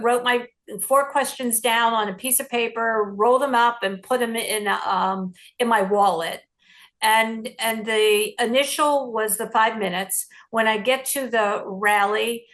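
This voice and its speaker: Middle-aged woman, journalist, animated anecdotal telling, slightly high voice. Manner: animated storyteller acting out quoted lines. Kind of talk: recounting a story in an interview.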